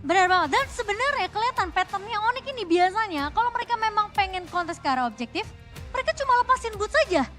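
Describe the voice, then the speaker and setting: A woman giving excited esports caster commentary, emphatic and casual, with some English words mixed in. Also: very high voice, fast, faint music behind.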